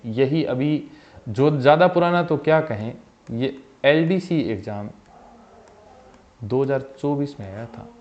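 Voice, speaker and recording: Man, Hindi teacher, exam-prep spelling lesson, repeats each word, trailing soft phrase endings, mid pitch, muffled lo-fi audio. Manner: explanatory, repeats each word and its correct form; calls viewers "bhai", asks them questions. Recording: slightly dull, lo-fi sound.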